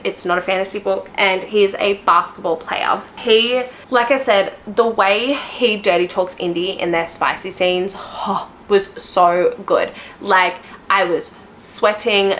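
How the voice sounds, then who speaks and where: A woman's voice: medium pitch, fairly bright tone, a little hiss or hum. Gushing woman book vlogger. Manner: gushing, rambling, with frequent restarts. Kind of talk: casual chat to viewers.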